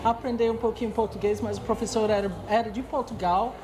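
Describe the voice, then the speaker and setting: A woman in her sixties from England, a guest executive, answers interview questions in Portuguese, her second language, with an English accent. Her voice is a little high and fairly even, her delivery brisk and full of hesitations and restarts. Crowd noise is audible.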